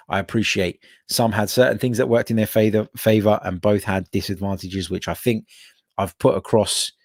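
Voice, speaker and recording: A man's voice: lowish voice, no room sound. Opinionated young man, dry close mic. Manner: opinionated, emphatic, repeats points. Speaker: podcast host. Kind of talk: live solo podcast commentary.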